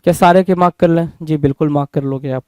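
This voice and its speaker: A man with an Indian accent teaches vocabulary for an exam course. He drills each word, asks a question and answers it himself. His high, smooth voice is recorded close and dry. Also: steady tone, quick pace, dark tone, dry recording. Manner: repetitive, drilling. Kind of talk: online exam-prep vocabulary lesson.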